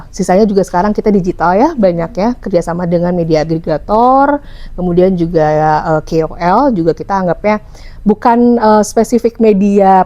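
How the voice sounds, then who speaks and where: A woman's voice: fairly low pitch, dark tone, highs cut off. Chatty Sundanese-accented woman explaining. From West Java, Indonesia. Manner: chatty, explanatory, frequent fillers. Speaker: hotel public relations officer. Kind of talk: conversational podcast interview.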